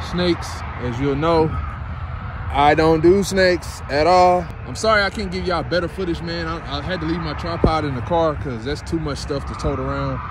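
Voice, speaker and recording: A man, chatting casually in a vlog, relaxed and rambling, cussing freely. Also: fairly high pitch. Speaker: vlogger. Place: in a parked car, then outdoors by a lake. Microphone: phone held at arm's length. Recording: noisy outdoor phone recording.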